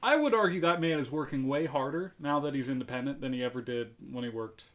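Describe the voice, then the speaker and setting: A man's voice: medium pitch, quick pace. A young man co-hosting a podcast, talking in a casual, opinionated and argumentative way. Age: young adult. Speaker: podcast co-host. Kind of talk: casual chat.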